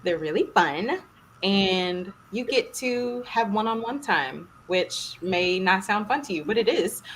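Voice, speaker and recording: A woman hosting a casual podcast livestream, lively and teasing, often laughing. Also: medium pitch, a little slow, slight background noise, rough recording. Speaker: podcast host.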